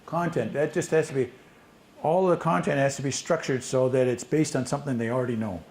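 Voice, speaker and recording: A man's voice: medium pitch, brisk, a little mellow. A man presenting at a conference session, answering audience questions in a plain, matter-of-fact way. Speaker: language teacher presenting a session. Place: conference breakout room. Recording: echoey room, mic from a distance, faint noise.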